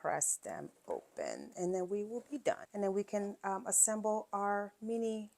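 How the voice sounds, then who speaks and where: A woman's voice: medium pitch, very animated, moderate pace, gravelly, dark tone. A woman hosting a quilting channel, casually talking through each sewing step, with frequent fillers and check-ins. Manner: chatty step-by-step explaining with fillers.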